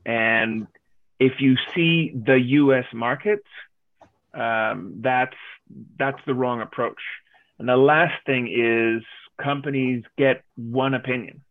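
A man's voice: medium pitch, dry recording. Man from Denmark, advisor guest, emphatic and blunt, dry tinny phone-like sound. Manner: direct, emphatic, lists points. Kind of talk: interview answers.

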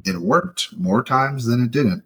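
A man's voice: medium pitch, unhurried, husky. A man co-hosting a podcast in casual chat, telling work stories and acting out the dialogue. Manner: animated storyteller, acts out quoted dialogue. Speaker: podcast co-host.

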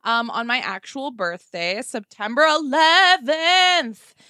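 High bright-voiced drunk young woman vlogging. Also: slow, no room sound, clean studio sound. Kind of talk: casual drunk party vlog. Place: outdoors at a night club event. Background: music and crowd.

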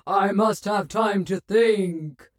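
A woman voicing a grand male wizard who speaks in a slow, booming, pompous way. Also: natural voice.

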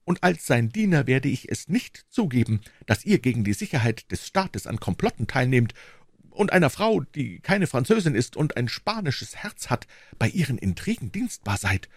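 A self-important shopkeeper, as a male reader puts him on for an audiobook. He swings his pitch widely, lifted well above a man's usual range, and sounds indignant and pompous. The recording is dry and close. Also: big pitch swings, normal speed, dry recording. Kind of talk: audiobook reading.

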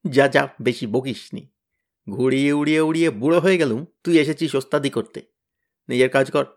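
A man voicing a bossy, blustering teenage boy who leads his gang with loud scolding commands. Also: medium pitch, normal speed, lightly acted.

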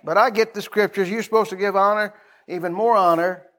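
A man's voice: sits high, steady tone, a little fast, a bit bright. A middle-aged American man preaching an informal sermon as a pastor, in a folksy, conversational manner, repeating phrases and prompting his listeners to respond.

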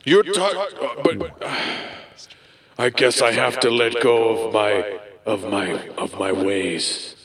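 A man voicing the ghost of an old-time dentist, with a ghostly echo and a slow, drawn-out spooky delivery. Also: mid-range voice, fairly bright tone. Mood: grumbling. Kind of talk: improvised comedy podcast. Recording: echoey room, voice far from mic.

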